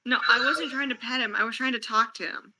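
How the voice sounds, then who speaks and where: A woman's voice: fairly high pitch, steady tone, a little fast, sharp tone, slight background noise, poor audio. A woman playing a tabletop game, asking questions and acting casually. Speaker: player. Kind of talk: in-character tabletop play.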